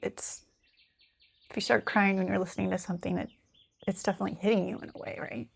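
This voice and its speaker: A woman's voice: medium pitch, little pitch movement, quick pace, creaky, husky. A woman talking casually and candidly, reading from her notes and thinking aloud, with lots of fillers and some swearing. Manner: candid, rambling, swears freely.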